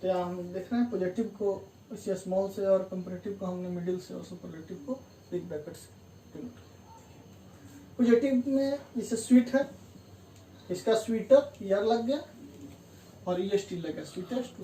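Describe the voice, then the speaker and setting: A woman's voice: mid-range voice, moderate pace, warm tone. A woman teaching an English grammar lesson, explaining rules step by step, repeating key terms and often checking that the class is following. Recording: distant roomy mic with faint room hum.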